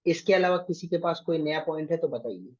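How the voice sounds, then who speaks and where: A man's voice: a little high, a little fast, darkish tone, muffled recording. A man teaching an online exam-prep class, giving directions and often checking with his students. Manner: directive, keeps checking with "thik hai".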